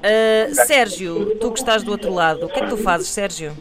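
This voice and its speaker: A man's voice: sits high, moderate pace, a crowd in the background. A man with a European Portuguese accent hosting a morning radio quiz, playful and joking with callers. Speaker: radio host.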